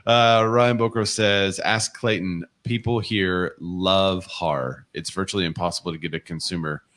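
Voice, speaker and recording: A man's voice: deep voice, steady tone, measured pace, a bit bright. A man co-hosting a casual real estate livestream, chatting and reading viewer comments and news articles aloud. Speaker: co-host of a real estate show.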